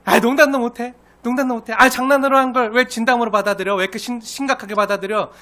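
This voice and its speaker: A man plays a careless joker who brushes off the people his jokes have hurt. He sounds dismissive and teasing, with a whiny edge to every word. The voice sits high and bright. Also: fairly even intonation, quick pace.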